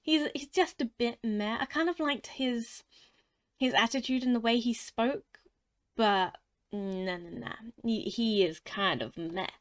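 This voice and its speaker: A young woman talks through her views in a loose, chatty way, doubling back on words as she thinks. Her voice sits a little higher than most women's. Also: a little slow. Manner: rambling, repeats words while thinking aloud. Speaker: gaming channel host. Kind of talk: casual chatty tier-list commentary.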